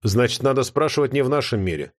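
A man's voice: medium pitch, animated, fast, natural voice. A man voicing a worried, earnest dragon father with a gloomy manner.

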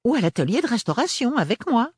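A woman's voice: medium pitch, normal speed, a little mellow, breathy edge, no echo, clean studio sound, voice pushed up, natural voice. A man reading an audiobook, voicing a cheerful, fussy aunt who speaks in an eager, encouraging way.

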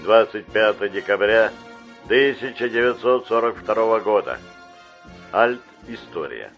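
A man reading a formal wartime radio bulletin in a slow, measured, solemn announcer's declamation. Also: lowish voice, dull audio, faint music behind.

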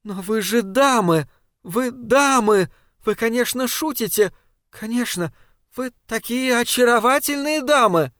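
A woman's voice: a little high, lively intonation, a little slow, fairly bright tone, no echo, studio quality, pitched above the performer's own voice. A man voicing a shocked lady who stammers and gasps in disbelief. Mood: disbelieving. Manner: gasping, stammering.

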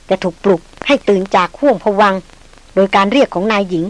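A woman narrating an audiobook in a steady storytelling manner. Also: mid-range voice, fast talker, dry recording, low-quality recording. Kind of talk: scripted narration.

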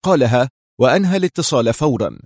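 A man narrating a thriller audiobook in a steady, dramatic storytelling manner. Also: mid-range voice, fast talker, breathy edge, no room sound, clean studio sound.

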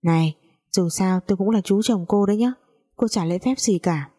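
A woman's voice: medium pitch, normal speed, dark tone, close to an everyday voice. A woman voicing a brash young man who teases and defies others in a cocky manner, in a storybook reading. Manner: cocky, teasing, defiant.

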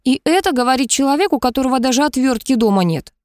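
A woman's voice: high voice, animated, fast, a little mellow, no room sound, studio quality, pitched above the performer's own voice. A woman voicing a blunt, defiant young woman who snaps short replies, in an audiobook reading. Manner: curt, snapping replies.

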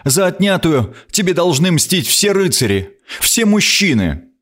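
A man voicing a haughty queen, shrill and indignant. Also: sing-song, unhurried, fairly bright tone, full character voice. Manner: imperious, hissing, indignant. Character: haughty frightened young queen, woman. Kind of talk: audiobook character voice.

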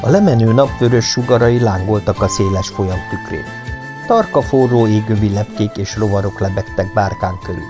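A man reading an adventure novel aloud as an audiobook in a steady, measured storytelling manner. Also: lowish voice. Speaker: audiobook reader. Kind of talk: scripted narration.

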